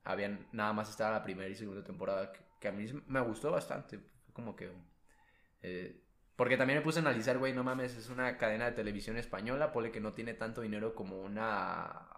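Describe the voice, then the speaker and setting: A man with a low voice and a Mexican accent chats casually on a podcast. He rambles in slangy, profane bursts full of fillers. The sound is echoey, as if in a bare room. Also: fast talker, gravelly, a bit bright. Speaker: podcast co-host. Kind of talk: casual chat. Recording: roomy echo.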